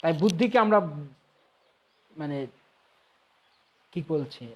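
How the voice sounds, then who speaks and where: A man's voice: on the high side, expressive, slow pace, a little mellow, dull audio. A man with a Bengali accent, a spiritual teacher answering viewer questions in a devotional talk, reading each question aloud and then explaining it with everyday examples.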